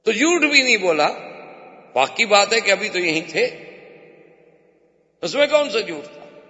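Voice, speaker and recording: A male preacher telling stories in an animated sermon, with shifting pitch and strong emphasis. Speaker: religious preacher. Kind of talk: storytelling sermon. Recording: echoey hall, dull lo-fi sound.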